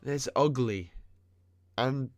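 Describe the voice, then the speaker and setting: A gaming video host with a cold talks casually over his gameplay, his medium-pitched voice blocked and nasal in a dry recording. He nitpicks, chats freely, and tosses in quick asides.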